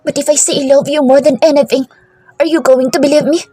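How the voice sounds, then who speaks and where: A woman voicing an earnest young man who softly pleads his love in a storybook romance reading. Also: high-pitched, fairly even intonation, brisk, no echo, faint music behind, natural voice. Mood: pleading. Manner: soft, pleading, mixing Tagalog and English.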